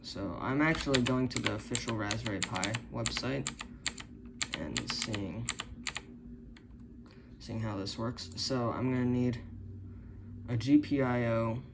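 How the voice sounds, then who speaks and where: A man's voice: medium pitch, a little slow, vocal fry, pauses often, heavy background noise. A man thinking aloud, hesitant and unsure, as he tinkers with a circuit, recorded on a camera's built-in mic. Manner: hesitant, unsure, many self-corrections. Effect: camera-recorded audio. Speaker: hobbyist building circuits.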